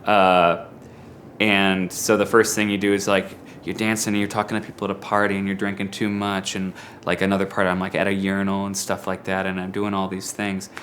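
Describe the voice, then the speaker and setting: A man with a fairly low voice speaks casually, as an actor being interviewed about his work. His delivery is hesitant and rambling, with a self-deprecating tone. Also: completely flat delivery, brisk, a bit bright, slight background noise. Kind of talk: casual anecdote telling in an interview.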